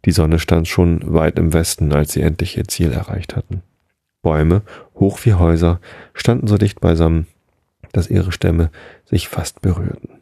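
Very deep guy reading a storybook, calm and steady, gravelly and husky, totally dry sound. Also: normal speed, no echo. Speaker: narrator. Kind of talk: scripted storybook narration.

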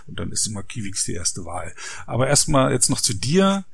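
Husky-voiced male podcast host. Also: mid-range voice, sing-song, moderate pace, dry recording. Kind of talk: casual podcast interview.

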